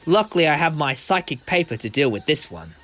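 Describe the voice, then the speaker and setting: A man's voice: on the high side, big pitch swings, fairly quick. A man playing an eccentric, confident time-travelling explorer in a fan audio drama, chatty and theatrical. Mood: assured. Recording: loud background noise and ambience.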